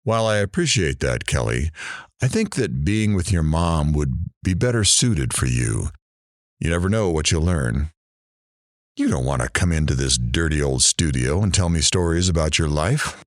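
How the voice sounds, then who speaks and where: A man with an extremely low, expressive voice plays a kindly, courteous, appreciative studio show host in an audio drama, speaking encouragingly as a presenter. He talks at a moderate pace, and the recording is dry.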